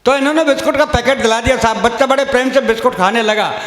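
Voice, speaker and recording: A man's voice: extremely high pitch, fast, fairly bright tone. A man, performing as a comic poet at a kavi sammelan, telling folksy stories and voicing village characters. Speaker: stage comedy poet. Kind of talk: humorous kavi sammelan storytelling. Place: large stage with audience. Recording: roomy hall reverb.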